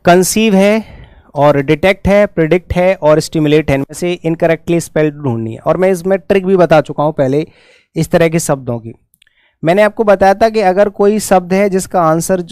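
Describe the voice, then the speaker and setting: Brisk male English teacher, Hindi accent. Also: sits high, darkish tone, smooth, dry recording. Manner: brisk, coaxing students to answer fast. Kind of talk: exam-prep lesson.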